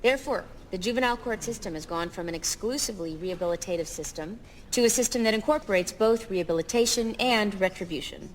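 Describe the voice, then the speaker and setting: A woman's voice: mid-range voice, fast, slight background noise, natural voice. An actress playing a composed woman lecturing a class in a formal, explanatory way. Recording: long hall reverb.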